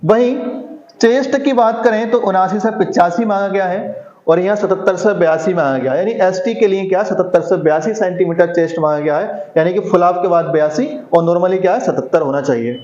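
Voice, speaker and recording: A man with a high, darkish voice gives a brisk exam-prep lesson as a coaching teacher. Answering his own rhetorical questions, he repeats key figures, and the audio is lo-fi and dull with echo from the room.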